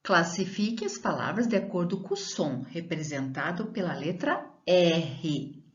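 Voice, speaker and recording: A woman teaching a primary school lesson, reading words slowly and drawn out and asking pupils questions. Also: fairly low pitch, animated, muffled recording. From Brazil.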